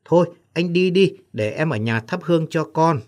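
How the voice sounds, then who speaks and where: A man's voice: on the high side, lively intonation, moderate pace, pitched above the performer's own voice, natural voice. A man doing a tender village wife. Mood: affectionate.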